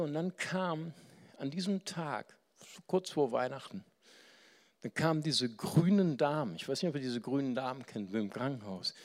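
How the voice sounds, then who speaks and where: Gravelly guy preaching, tells his story, goes from whisper-soft to loud, asks the crowd stuff. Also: mid-range voice. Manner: swings between soft near-whispers and loud, animated telling; conversational, asks the listeners questions. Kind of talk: storytelling sermon.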